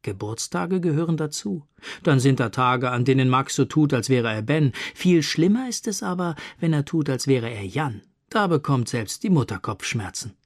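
Calm storybook narrator, dry sound. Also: medium pitch, moderate pace, no echo. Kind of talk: storybook read-aloud.

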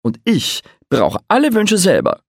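Rittersporn, a man doing a high boastful bard. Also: wildly swooping pitch, a little slow, creaky, no room sound, studio quality, exaggerated voice. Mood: teasing.

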